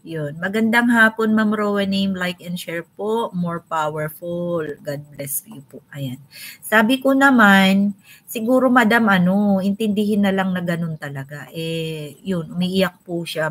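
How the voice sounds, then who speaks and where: A woman's voice: lowish voice, unhurried, a bit bright. A young woman hosting a casual live stream, chatting and greeting viewers by name.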